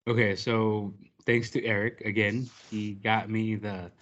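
A man's voice: on the low side, level tone, unhurried, fairly bright tone, muffled recording. A man guesting on a casual podcast, easygoing with short answers about his artwork.

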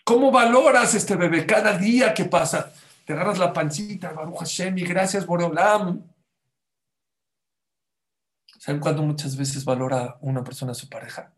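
A man preaching a sermon to a congregation, dramatic, dropping to a hush and then rising loud as he acts out the people in his stories. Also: high voice, brisk. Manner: dramatic, swings from hushed to loud, acts out quotes.

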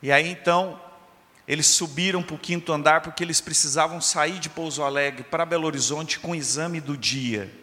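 Bright-voiced preacher in a reverberant hall. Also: male voice, a little high, moderate pace. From southern Minas Gerais, Brazil. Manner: dramatic storytelling, swinging from loud to hushed. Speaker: preacher giving testimony. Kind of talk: sermon testimony. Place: church service.

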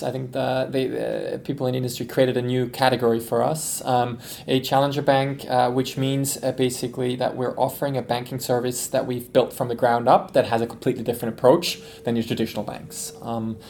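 A man from Switzerland, a company executive, giving relaxed, thoughtful interview answers on a podcast. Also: medium pitch, a little fast, gravelly, hardly any pauses, a little hiss or hum.

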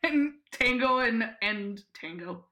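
A woman chatting on a casual recap podcast, her voice high and bright. She talks slowly and takes her time, and her pitch swoops widely. She laughs a lot and swears freely. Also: animated. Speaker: podcast co-host.

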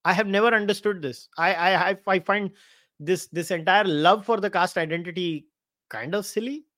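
With a high, fairly bright voice at normal speed, an Indian-accented man hosts casual live commentary, delivering sharp, sardonic opinions with emphasis while reading quotes and fielding viewer questions. The studio-quality audio has no echo.

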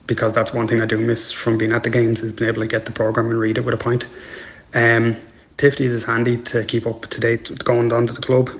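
A young man with an Irish accent, calling in as a supporter and giving casual, orderly answers to a set of questions. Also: medium pitch. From Ireland. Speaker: overseas football supporter calling in.

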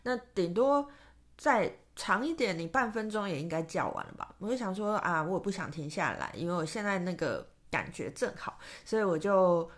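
A woman's voice: fairly low pitch, expressive, normal speed. Chatty Taiwanese woman podcaster. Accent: Taiwanese Mandarin. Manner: chatty, rambling, many fillers and restarts. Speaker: podcast host and tarot reader. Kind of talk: casual solo podcast chat.

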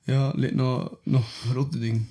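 A man's voice: mid-range voice, flat delivery, measured pace, vocal fry, mellow. A man with a Flemish accent co-hosting a podcast, chatting bluntly with English slang mixed in. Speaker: podcast co-host. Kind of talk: casual chat.

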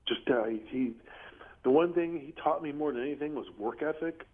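A middle-aged man calling in to a radio show over the phone, talking in a halting way and clearing his throat often. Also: on the high side. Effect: phone call heard over radio. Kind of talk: casual call-in talk. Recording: tinny phone line.

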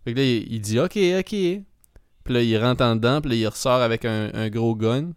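A man's voice: mid-range voice, steady tone, fast talker, smooth, no room sound, clean studio sound. A man with a Québécois French accent telling a story in a casual chat, rambling with lots of fillers and dropping in English words.

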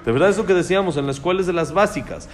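A man's voice: sits high, lively intonation, very fast. A man teaching a religious class on raising children, speaking emphatically and putting questions to his listeners. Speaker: Torah teacher.

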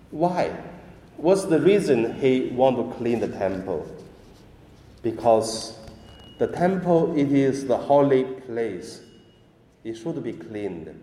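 Slow-spoken priest in a cathedral-like echo. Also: male voice, medium pitch, dark tone. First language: not English. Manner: halting, simple deliberate phrasing. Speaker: priest preaching a homily. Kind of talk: slow liturgical reading and sermon. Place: large reverberant indoor space. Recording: echoey church-like hall, long reverb.

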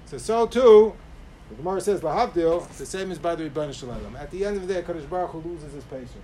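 A high-pitched rabbi preaches a sermon, a Torah lecture sprinkled with Hebrew quotations. His delivery is expressive, quick and emphatic, swinging between raised stress and softer asides. The recording is rough, with clear background noise.

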